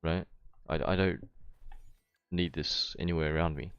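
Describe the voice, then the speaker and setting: A young man, a gamer and vlogger, casually explains to camera a dispute with his friends, rambling in slang, swearing a little and often checking in with tags. His low-pitched voice is steady, clean and fairly bright at normal speed, though the audio is dull with no echo.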